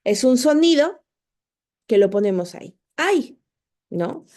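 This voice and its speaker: Slow, patient woman tutor. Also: mid-range voice, lively intonation, warm tone. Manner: patient, repeats points, asks "¿ok?". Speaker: online course tutor. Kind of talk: explaining spelling to students.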